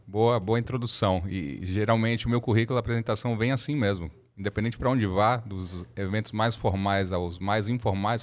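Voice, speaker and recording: A Brazilian man in his thirties, a lawyer telling his story as a podcast guest in a measured, reflective way. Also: on the low side. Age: 30s. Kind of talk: casual interview talk.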